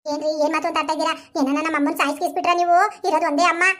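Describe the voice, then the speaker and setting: A young cartoon wife, voiced by a woman, caught between her husband and her mother. She speaks high and quick, with an anxious, scolding edge. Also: flat delivery, close to an everyday voice. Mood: flustered. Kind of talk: animated comedy cartoon voice.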